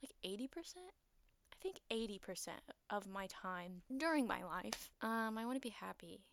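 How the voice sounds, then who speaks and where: A woman's voice: medium pitch, expressive, moderate pace, vocal fry, a bit bright, a little hiss or hum. A young woman talking alone on her podcast, rambling with lots of fillers, her voice a little shaky and nervous. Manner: rambling, filler-heavy, self-deprecating. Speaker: podcast host. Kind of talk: casual solo podcast monologue.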